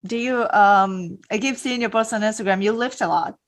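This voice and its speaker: A woman's voice: medium pitch, normal speed. A woman hosting a podcast, asking questions with enthusiastic short reactions. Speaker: podcast host. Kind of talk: casual interview chat.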